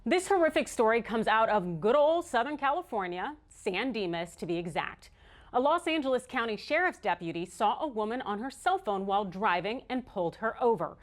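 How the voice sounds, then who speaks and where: Female American host for opinion news, slightly high voice, very animated intonation, emphatic and sardonic. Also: a little fast. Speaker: online news show host. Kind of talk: scripted opinion commentary.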